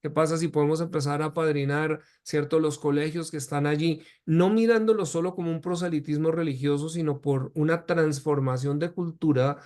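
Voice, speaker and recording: A man's voice: fairly high pitch, steady tone, brisk, hardly any pauses, darkish tone. A man, a pastor speaking in an earnest, preaching cadence and asking rhetorical questions on a church talk show.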